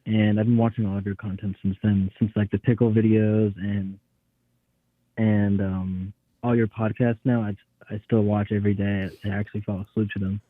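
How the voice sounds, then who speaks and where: A nineteen-year-old man leaving an earnest voicemail, played back over a phone line, halting and repeating words. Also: fairly low pitch, little pitch movement, no room sound. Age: teens. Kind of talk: casual voicemail message.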